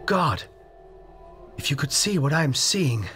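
A man voicing a terrified middle-aged explorer trapped underground, hoarse with fear and pleading frantically. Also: low voice, fairly even intonation, normal speed, a bit bright, faint music behind, voice pushed down. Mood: awestruck.

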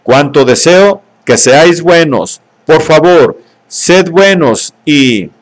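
Pleading synthetic speaker voice, tender and reproachful, man doing it; audiobook, raised pitch. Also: big pitch swings, a little fast.

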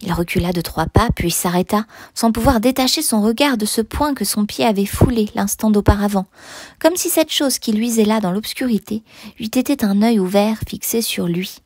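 A woman narrating a classic novel in a measured, expressive reading that sometimes sinks to a near whisper. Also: medium pitch, dry recording, studio quality. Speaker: audiobook narrator.

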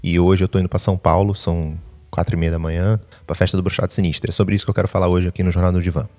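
A man's voice: deep voice, level tone, racing, mellow. A young man talking in a casual confessional vlog, anxious and jittery, rambling and cutting himself off, swearing casually. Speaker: vlogger.

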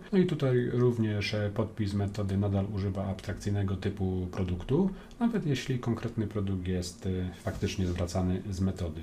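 A man with a Polish accent walks through code in a screen-recorded programming lesson, calm and methodical, often pausing on a drawn-out "e". His voice sits low and sounds dark and mellow. Faint room hiss and keyboard typing sit under the narration. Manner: calm, explains step by step with frequent "e" hesitations. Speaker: programming tutor. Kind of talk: screen-recorded coding tutorial.

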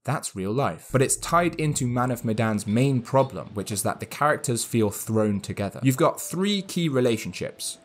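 A man's voice: mid-range voice, expressive, moderate pace, hardly any pauses. A man narrating a scripted game review in a wry, candid way. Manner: wry, dry, candid, chuckles at his own jokes.

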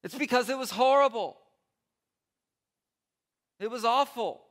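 A middle-aged pastor preaches a sermon from a large indoor church stage through a headset mic, his voice extremely high-pitched and measured in pace. He speaks with earnest emphasis and repeats key phrases, sometimes pressing hard and sometimes softening into quiet appeals.

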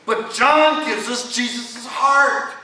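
Middle-aged New pastor, high bright voice, unhurried folksy preaching, echoey church miked from afar. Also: male voice, recorded from a distance. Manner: folksy, asks the congregation questions. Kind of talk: sermon. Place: church sanctuary.

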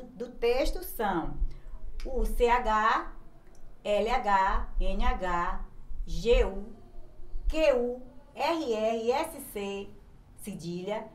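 A primary school teacher with a fairly high voice and a Brazilian Portuguese accent gives a recorded grammar lesson to young children, patiently spelling out letters one by one. The low-quality recording has a roomy sound.

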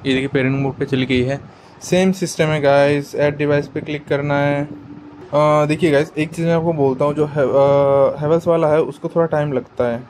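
A man's voice: on the high side, steady tone, normal speed, a little mellow, slight background noise, poor audio. A man giving a casual how-to product demo, chatty and explanatory, talking straight to his viewers. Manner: chatty and explanatory, often addresses the viewers as guys. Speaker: product reviewer.

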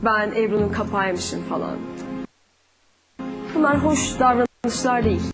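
A woman reality show contestant explaining her vote, measured and disapproving. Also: fairly high pitch, lively intonation, over music. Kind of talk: explaining a nomination.

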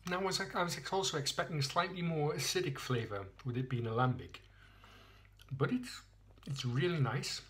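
A man's voice: fairly high pitch, expressive, normal speed, a bit bright. Chatty Englishman filmed on a phone. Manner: chatty, rambling, self-mocking. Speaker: beer reviewer. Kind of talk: casual beer-tasting vlog. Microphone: handheld phone video.

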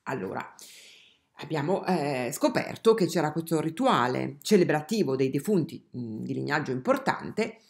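A woman giving an art history lesson as a voice-over, talking straight to her viewers with many fillers and restarts. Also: deep voice. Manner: addresses viewers directly.

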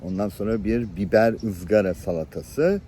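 Mellow-voiced man telling lively anecdotes. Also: lowish voice, moderate pace, a little hiss or hum. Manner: lively anecdotal storytelling, chuckles and acts out voices. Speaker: channel host. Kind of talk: personal storytelling to camera. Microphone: camera-facing, showing viewers things on screen.

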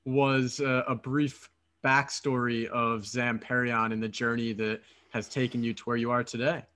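A man's voice: mid-range voice, little pitch movement, moderate pace, pushed and bright. 30s guy from philly hosting a podcast on a headset, eager, talks in long runs. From Philadelphia, United States. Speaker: podcast host. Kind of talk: casual podcast interview. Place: apartment room, video call.

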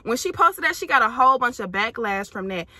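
Blunt, bright-voiced young woman in a car. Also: fairly high pitch, expressive, fairly quick, no echo. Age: young adult. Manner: blunt, emphatic, slangy and laughing. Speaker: vlogger. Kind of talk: casual chat. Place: inside a car.

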